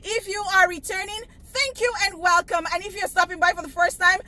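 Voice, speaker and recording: A woman with a Nigerian accent hosting a casual chat show, excitable and animated as she tells a story. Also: very high-pitched, brisk. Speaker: host.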